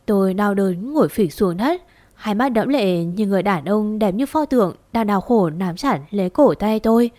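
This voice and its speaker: Woman reading a sad story out loud, slow and sorrowful, mid voice, super dry close mic. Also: mid-range voice, animated, dry recording. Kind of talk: first-person audio story narration.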